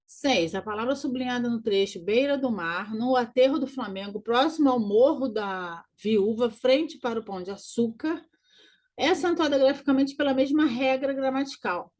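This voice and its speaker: Woman teacher going over exam answers, fairly high voice, repeats words slow and clear. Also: darkish tone. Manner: explains step by step, repeats key words slowly. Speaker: Portuguese teacher. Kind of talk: recorded exam walkthrough lesson.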